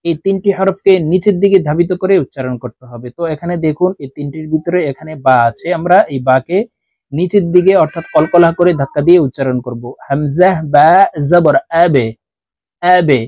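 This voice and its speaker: A man teaching Quran letter reading, spelling out each syllable and then slowly drawing out the whole word. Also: on the high side, dark tone, dry recording. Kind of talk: slow spelled-out recitation lesson.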